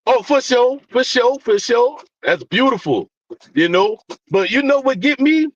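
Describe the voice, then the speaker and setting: High-pitched man, blunt and slangy. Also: expressive, measured pace, no echo, dull audio. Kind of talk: casual group chat.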